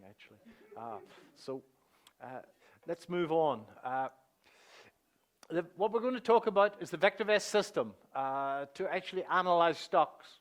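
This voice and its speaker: A middle-aged man from England, speaking with a Northern Irish accent, gives a live conference talk as a seminar presenter at the front of a hall. His slightly high voice takes on a chatty, joking manner, he pads pauses with "uh," and he lowers his voice for quick asides.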